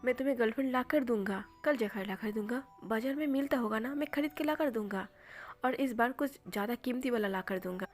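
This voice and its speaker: A woman voicing a calm young man who teases and scolds his crying best friend in an offhand way. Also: a little high, fairly quick, soft background music, natural voice. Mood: dry, teasing. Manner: dry, offhand, teasing.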